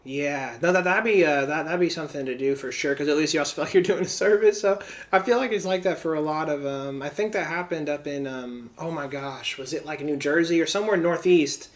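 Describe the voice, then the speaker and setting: Eager, chatty podcast host. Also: male voice, fairly high pitch. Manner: eager, chatty, quick to react and laugh. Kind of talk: casual interview chat. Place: podcast studio.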